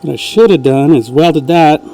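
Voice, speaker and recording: A man with a slightly raised pitch talks through his welding work in a relaxed, folksy manner. He is in a home workshop, and a faint shop hum is audible behind him. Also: moderate pace. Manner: folksy, easygoing, talks while working. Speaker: home welder and mechanic. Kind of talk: casual workshop how-to vlog.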